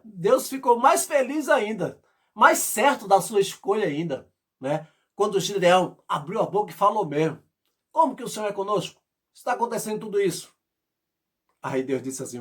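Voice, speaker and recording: A man preaching as pastor, fervent and pleading, with loud bursts and soft passages. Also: sits high, husky. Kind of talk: sermon.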